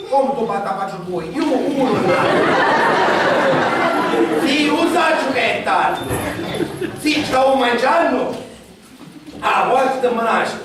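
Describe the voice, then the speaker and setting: A lead actor in an amateur stage comedy, with a Sicilian accent and loud, exasperated comic banter. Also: mid-range voice, background noise. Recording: echoey hall, taped from far off. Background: laughing audience in a large hall.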